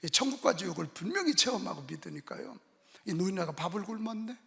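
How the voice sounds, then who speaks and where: Middle-aged pastor preaching hard, gravelly voice, big echo in the hall. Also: male voice, high voice, fast talker. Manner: animated, emphatic, acts out stories. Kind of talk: sermon. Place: prayer retreat chapel. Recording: echoey hall.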